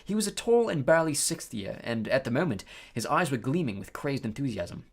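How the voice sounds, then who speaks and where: Animated, slightly husky audiobook reader. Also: medium pitch, brisk. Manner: animated reading with small slips and fillers. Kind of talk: audiobook narration.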